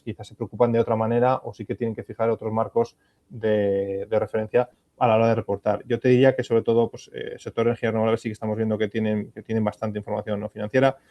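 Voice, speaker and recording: Steady low-key Spanish man. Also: no echo, muffled recording. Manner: thoughtful, many fillers and restarts. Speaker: panel expert on ESG reporting. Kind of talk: conference panel answers.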